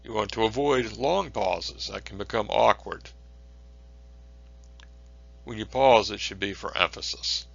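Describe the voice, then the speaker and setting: A male instructor giving a recorded lecture on presentation skills, measured and plain, with frequent filler words. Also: fairly low pitch, gravelly, a bit bright, no room sound. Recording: dull lo-fi recording.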